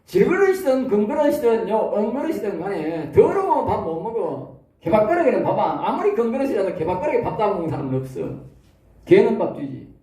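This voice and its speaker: A man's voice: high voice, very animated, a little fast, mellow. A man with a Gyeongsang accent preaching an expository sermon to theology students. He keeps checking in with "eh?" and asks rhetorical questions. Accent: Gyeongsang Korean. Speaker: pastor teaching theology students. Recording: echoey room, mic at a distance.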